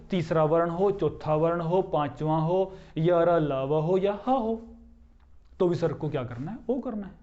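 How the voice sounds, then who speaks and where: A man teaches a grammar lesson in a high voice, working through each rule one step at a time. He poses questions and then answers them, and he draws words out slowly, syllable by syllable. The recording sounds dull and lo-fi. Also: dark tone. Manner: explains step by step, often asking and answering his own questions. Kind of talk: classroom-style grammar lesson.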